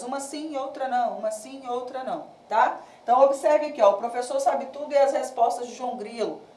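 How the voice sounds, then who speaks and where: Brazilian woman teacher, slightly high and mellow, patient explainer, recorded from a distance in a reverberant room. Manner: patient, explains step by step, checks in with "né?" and "tá?"; counts syllables slowly and reads verses aloud. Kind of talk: recorded remote class lesson. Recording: echoey room, distant mic.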